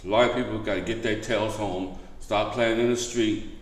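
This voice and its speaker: A man's voice: on the low side, fairly even intonation, normal speed. A man hosting a vlog, giving a casual update to viewers and repeating key points with emphasis. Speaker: vlog host. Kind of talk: casual news update to camera. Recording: echoey room.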